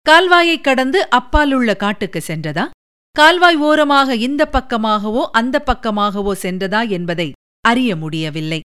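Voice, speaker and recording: A woman narrating an audiobook of a historical novel in an even, measured storytelling manner. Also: fairly high pitch, clear, resonant tone.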